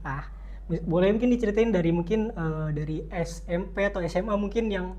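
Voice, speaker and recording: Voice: mid-range voice, fairly quick, warm tone, lo-fi sound. A young student podcast host who speaks in a chatty, loosely phrased way and gives lots of short acknowledgements. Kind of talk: casual podcast interview.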